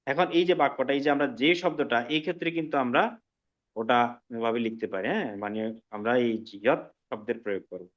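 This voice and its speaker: A man teaching an online language class, explaining slowly and often checking that students follow. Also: mid-range voice, highs cut off. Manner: slow, patient explaining with frequent check-ins to students. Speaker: Sanskrit teacher.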